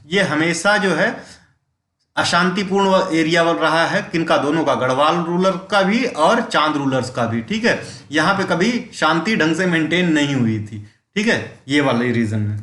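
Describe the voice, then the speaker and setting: A man's voice: fairly high pitch, fairly bright tone. A man, giving a step-by-step exam-prep history lecture, asking questions and answering them himself. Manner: explains step by step, asks and answers own questions, keeps saying "ठीक है"; reads English quiz questions slowly, mixes English terms into Hindi. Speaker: exam coaching teacher. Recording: echoey room.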